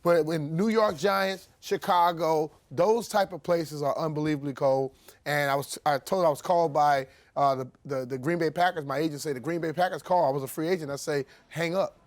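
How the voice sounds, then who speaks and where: Man, ex-player analyst, animated, chatty, jokey, dry studio. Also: on the high side, moderate pace, no echo. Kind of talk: studio sports talk.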